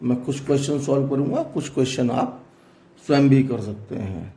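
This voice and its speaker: A man's voice: medium pitch, lively intonation, normal speed, warm tone, roomy sound. A man teaching a classroom math lesson, explaining step by step and asking students questions as he goes.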